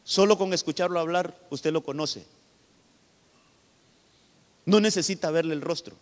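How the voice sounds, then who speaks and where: A man's voice: a little high, unhurried. A male pastor from Honduras preaching a sermon with emphatic delivery, often calling out to his listeners directly. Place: church hall. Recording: long hall reverb.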